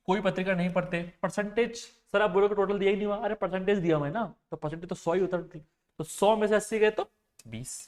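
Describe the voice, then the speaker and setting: A man with a high-pitched voice gives an exam-prep maths lecture. He works through each problem step by step, mixing in terms, and keeps asking his students whether they follow. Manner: explains step by step, often asks students if they understood. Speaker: maths and reasoning teacher.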